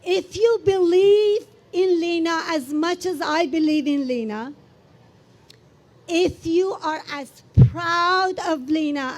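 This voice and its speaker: A woman with a very high voice delivers an impassioned speech at a fundraiser. She speaks slowly and deliberately, rising into rousing shouts. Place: outdoor beer garden event.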